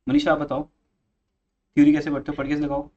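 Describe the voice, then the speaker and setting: A man's voice: on the high side, monotone, moderate pace, mellow, lo-fi sound. A male commerce teacher giving a classroom economics lecture, coaching and scolding students on how to read theory aloud.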